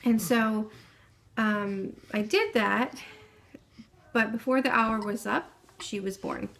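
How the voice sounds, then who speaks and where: A young woman softly and casually recounts her baby's home birth, pausing often and using many fillers. Her voice is mid-range with vocal fry.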